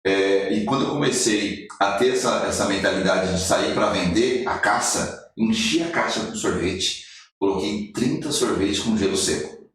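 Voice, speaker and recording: A Brazilian motivational speaker in his forties, with a somewhat low voice, tells his life story as a podcast guest at normal speed, animatedly acting out the lines he quotes. The room is very echoey and he sits a little back, far from the mic.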